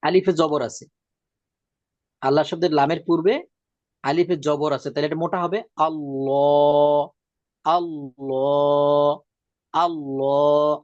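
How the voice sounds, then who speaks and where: A man teaching a Quran reading lesson. He repeats each rule patiently and draws out the example words slowly. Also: a little high, fairly even intonation, no room sound, lo-fi sound. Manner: drawn-out slow demonstration of words.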